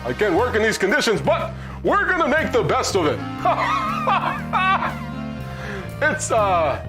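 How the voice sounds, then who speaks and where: A man's voice: high voice, wildly swooping pitch, normal speed, low-quality recording. A man presenting a mock weathercast, flustered, easily sidetracked and swearing as he ad-libs. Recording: music playing behind the voice.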